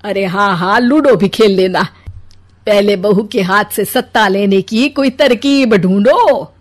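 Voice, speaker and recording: A woman voicing an older, homely mother-in-law in a family story, with an emphatic, drawn-out manner. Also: medium pitch, lightly acted. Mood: plotting. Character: older mother-in-law, doting sister, jealous of daughter-in-law.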